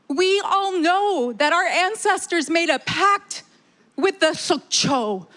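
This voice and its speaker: A woman's voice: high-pitched, a bit bright. A woman speaking from the heart at a shareholder meeting, emotional and near tears, pleading with her listeners. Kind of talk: emotional public comment speech. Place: hotel meeting hall.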